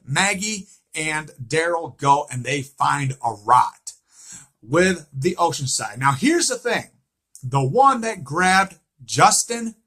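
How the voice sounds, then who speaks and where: In a slightly high, forceful voice with a husky roughness, a man works through an informal fan recap. He's emphatic, repeats himself, and leans heavily on rhetorical questions.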